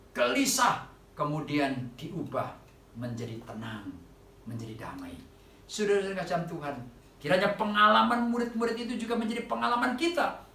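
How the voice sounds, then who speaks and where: High gravelly preacher in an echoey church. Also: male voice, recorded from a distance. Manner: addresses congregation repeatedly, rises loud on quoted cries. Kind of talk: sermon. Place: church online service.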